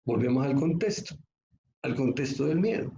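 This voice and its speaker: A man's voice: mid-range voice, animated, normal speed, mellow, a little hiss or hum. A man preaching a sermon as pastor, emphatic and conversational, often asking the listeners rhetorical questions. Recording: echoey, slightly muffled room recording.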